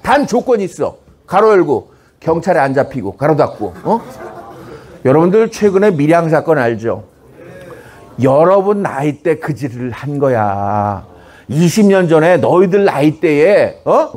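A middle-aged comedy writer, a man, giving a humorous lecture to high school students. He is teasing and punchy, keeps asking "어?" for a reaction, and breaks into shouted examples. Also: very animated, measured pace.

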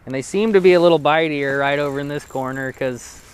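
Speaking fairly quickly in a high, clear voice with a resonant tone, a man runs his fishing vlog from a frozen lake. His casual narration is relaxed, talkative and full of jokes, captured by a body-mounted action camera.

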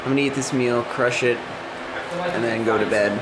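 A man's voice: mid-range voice, steady tone, normal speed, a loud crowd, low-quality recording. A young man vlogging about his workouts in a chatty, upbeat way, swearing casually. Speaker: fitness vlogger. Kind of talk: casual vlog chat. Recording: loud music under the voice. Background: loud background music.

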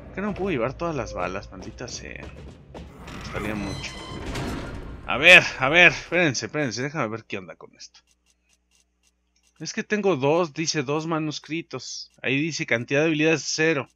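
Excitable Mexican man, young, gaming commentary, lively pitch, sharp tone, cussing yelps. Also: moderate pace, pauses often, soft background music. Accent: Mexican Spanish. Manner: excitable, swears and yelps when startled. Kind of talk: let's play commentary.

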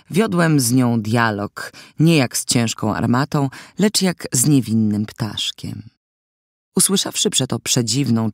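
A man's voice: mid-range voice, no room sound. Guy reading a story in first person, dry close studio sound, wry and mock-serious. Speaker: audiobook narrator. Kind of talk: scripted first-person narration. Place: recording studio.

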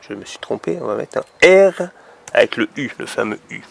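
A man's voice: medium pitch, lively intonation, moderate pace, vocal fry, a bit bright, breathy edge. A man teaching young children letter sounds, patiently drawing out each sound. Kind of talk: phonics lesson for young children.

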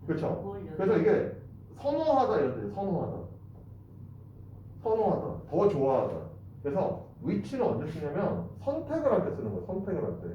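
A man's voice: sits high, wildly swooping pitch, normal speed. A man giving a casual spoken English lesson, repeating and drilling phrases aloud. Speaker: English teacher. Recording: distant, roomy, dull and noisy.

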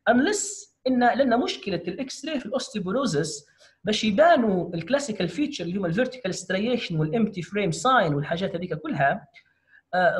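A man leads an online medical lecture. His voice sits high for a man and swings widely in pitch as he encourages his students. He mixes English medical terms into his dialect. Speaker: doctor teaching radiology.

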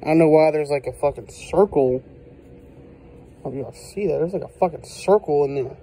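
Exasperated man with a mellow, higher voice. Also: brisk, a little hiss or hum, rough recording. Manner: blunt, heavily profane, exasperated. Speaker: product reviewer. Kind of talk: casual handheld video rant. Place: indoors at a desk. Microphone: handheld phone.

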